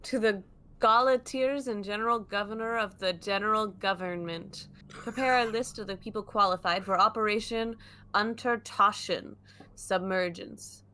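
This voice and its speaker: A woman voicing a cold official by reading a memo robotically and flatly. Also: mid-range voice, normal speed, close to an everyday voice.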